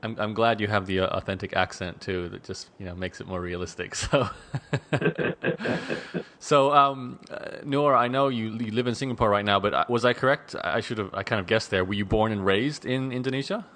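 Middle-aged man, podcast host, low, conversational, filler-heavy. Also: moderate pace, a bit bright. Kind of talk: podcast interview with ad read.

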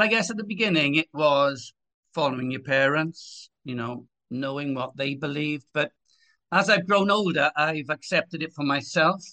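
A man in his sixties with a Swansea Welsh accent speaks as a guest in a conversational interview. His voice sits a little high for a man and has a clearly bright, forward edge. He talks in a personal, testimonial style. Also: rough recording. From Swansea, Wales. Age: 60s.

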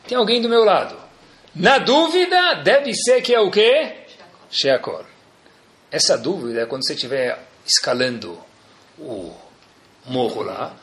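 A man with a Brazilian Portuguese accent teaching a Torah class in an animated way, full of rhetorical questions and jokes for his audience. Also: medium pitch. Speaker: religious teacher.

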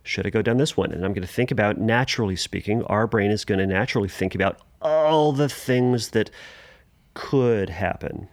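A man's voice: moderate pace, no echo. Chatty male podcast host, dry sound. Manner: conversational, many restarts and fillers, animated pitch jumps. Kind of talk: casual solo podcast talk.

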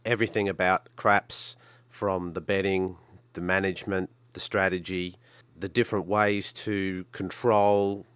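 A middle-aged man from Brisbane with a Queensland Australian accent hosts a solo podcast in a casual way. His voice is deep and clear, recorded dry with very little room sound. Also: little pitch movement, a little slow, a bit bright, no room sound. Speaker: podcast host.

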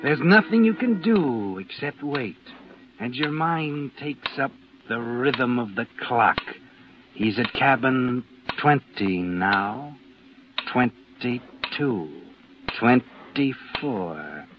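A man narrating a 1940s radio drama in the second person, measured and suspenseful. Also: medium pitch, lively intonation, noisy background. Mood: steady. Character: grave male narrator guiding the hero. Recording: lo-fi old radio recording with music.

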